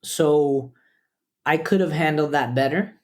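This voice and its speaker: A man from Costa Rica, a podcast guest, speaking earnestly and slowing down to weigh his words in a reflective interview. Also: on the high side, a little mellow.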